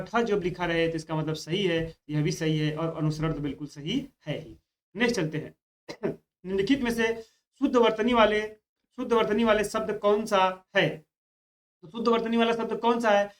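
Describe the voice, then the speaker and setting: A man teaching Hindi spelling for an exam, stretching out each key word and often repeating that students should keep it in mind. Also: sits high. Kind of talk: spoken exam-prep lesson.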